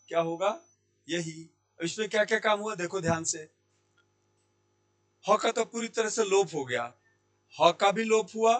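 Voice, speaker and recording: A man teaching Hindi grammar in a classroom lesson. He asks questions and answers them himself, repeating key words slowly. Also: high-pitched, fairly bright tone. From India. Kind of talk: classroom lesson explaining sandhi. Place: Jaipur language institute.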